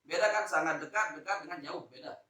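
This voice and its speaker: Male teacher from Lombok teaching Quran exegesis; animated, loud peaks and quiet asides; slightly high voice; distant phone recording. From Lombok, Indonesia. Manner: animated, swings between loud emphasis and soft asides; draws out Arabic words slowly. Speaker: Islamic teacher. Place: school hall, indoors. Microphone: phone camera recording. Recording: echoey room, distant phone mic.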